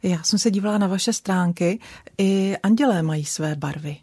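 A woman hosting a radio program in a studio, asking brief calm questions. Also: mid-range voice, breathy edge, no echo. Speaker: radio host.

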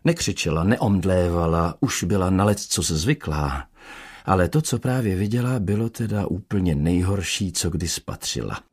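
A man narrating an audiobook with lively storytelling. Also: low voice, breathy edge. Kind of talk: audiobook reading.

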